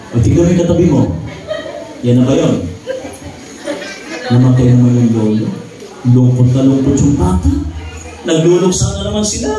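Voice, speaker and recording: A man's voice: high voice, warm tone. A male pastor preaching and telling a funny story, often checking in with the congregation. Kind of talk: sermon with a humorous story. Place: church sanctuary. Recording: echoey church, voice picked up from a distance.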